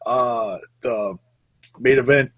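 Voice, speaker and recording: A man's voice: mid-range voice, slightly rough. A married man co-hosting a wrestling podcast, telling stories in a laid-back way and laughing easily. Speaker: podcast co-host. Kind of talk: casual wrestling podcast chat.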